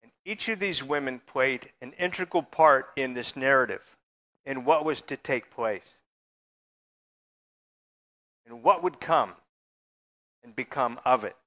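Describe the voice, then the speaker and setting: Bright-voiced man preaching a sermon. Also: mid-range voice, measured pace, long pauses. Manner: conversational preaching, sometimes joking with the congregation. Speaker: pastor.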